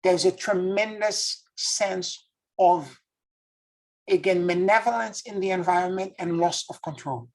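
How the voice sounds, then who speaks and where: Speaking unhurriedly in a high voice, a Haitian man who works as a spiritual teacher muses earnestly on inner matters. He pauses to search for the right words throughout this reflective monologue.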